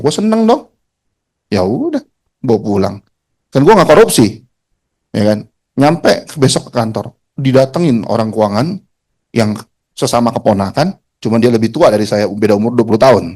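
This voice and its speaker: A man giving a talk to an audience, telling a personal story in casual slang and acting out the other people in it. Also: mid-range voice. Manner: colloquial Jakarta slang, animated, mimics voices. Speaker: motivational speaker.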